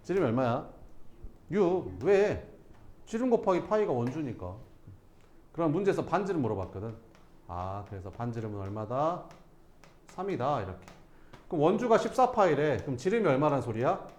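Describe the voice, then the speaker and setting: A man's voice: on the high side, sing-song, moderate pace, long pauses, darkish tone, roomy sound. A male math teacher giving a classroom lesson, casually questioning students and answering himself.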